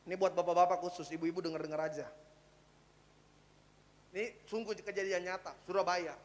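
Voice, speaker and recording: A male pastor preaching a livestreamed church sermon in a conversational way, with slang and English words, swinging from loud cries to hushed low tones. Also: fairly even intonation, a little fast, big-room sound.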